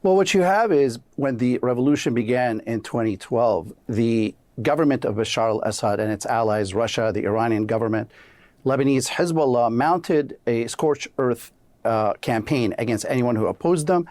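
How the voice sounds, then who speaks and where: A man's voice: medium pitch, normal speed, darkish tone, no echo. A man from Syria, a former policy adviser, earnestly explaining events as a guest on a news program. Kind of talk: remote news interview.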